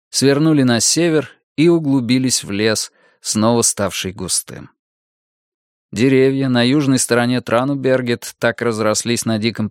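A man of middle pitch narrating a novel in a steady, measured reading voice. The recording is dry and close, with no room around him. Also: no echo. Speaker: audiobook narrator. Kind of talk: scripted narration of a crime novel.

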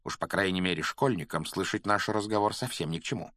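A man's voice: deep voice, fast talker, fairly bright tone, no room sound, studio quality. A man voicing a cold, threatening male schoolmaster who speaks in a clipped, ironic tone. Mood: icy menace.

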